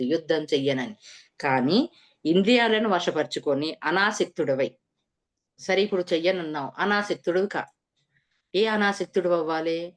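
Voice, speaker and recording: A woman teaching a scripture lesson, explaining each verse and posing rhetorical questions to her listeners. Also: fairly low pitch. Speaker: spiritual teacher.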